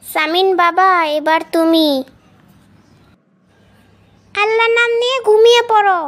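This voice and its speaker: A woman's voice: very high-pitched, unhurried. A woman voicing a caring mother in a children's cartoon, speaking soothingly to her son. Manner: soothing, reassuring.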